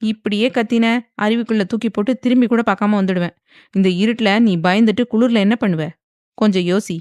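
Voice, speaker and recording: Casting: a bossy, teasing husband with calm mock threats, voiced by a woman narrator. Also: medium pitch, moderate pace, smooth, no echo, clean studio sound, natural voice. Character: domineering, teasing young husband. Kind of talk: dramatized audiobook reading.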